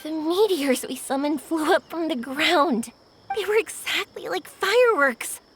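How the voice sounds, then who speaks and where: A young woman adventurer from a video game, with a high, lively voice that swings widely in pitch. She is cheerful, impulsive and warm-hearted. Every phrase comes out earnest and expressive. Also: unhurried, faint music behind. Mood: excited, grateful.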